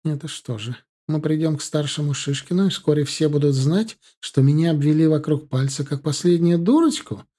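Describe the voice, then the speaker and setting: A man's voice: on the high side, expressive, normal speed, voice pushed up. A man doing an irritable middle-aged mother. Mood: indignant. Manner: sharp, reproachful, indignant. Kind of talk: audiobook character voice.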